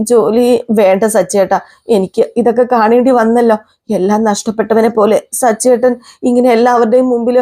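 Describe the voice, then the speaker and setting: A woman's voice: on the high side, mellow, lightly acted. A woman voicing Revathi, a tender young wife who pleads tearfully and emotionally with her husband. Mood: distraught.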